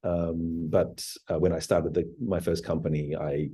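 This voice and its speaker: A startup CEO in his forties, appearing as an interview guest, reflects on his experience as a founder in a low, husky, mellow voice with a level tone. He pauses often, piles up fillers, and restarts sentences as he thinks.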